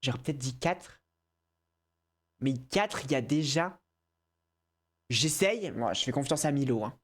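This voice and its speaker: Low, slow woman muttering through a quiz. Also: expressive, husky. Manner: mutters to herself, swears, switches between French and English. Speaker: content creator. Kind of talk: casual quiz play, thinking aloud.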